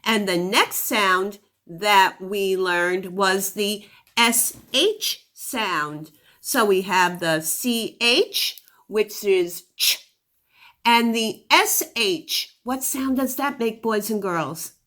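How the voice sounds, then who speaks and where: A woman teacher leads a phonics lesson for young children, sounding out words with exaggerated articulation and encouraging them with praise and questions. Her medium-pitched voice is bright and forceful, and she speaks very slowly.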